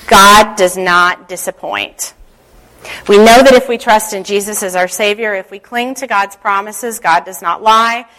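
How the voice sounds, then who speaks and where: A woman speaking as a church leader, giving a devotional talk and guided prayer in a gentle, unhurried, instructive way. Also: mid-range voice, low-quality recording.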